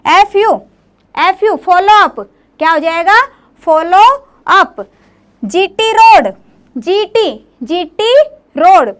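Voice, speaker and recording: Very high-voiced woman teaching a class. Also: lively intonation, slow pace, pauses often, a bit bright. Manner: coaxing, often asks "clear, beta?". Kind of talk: classroom lecture.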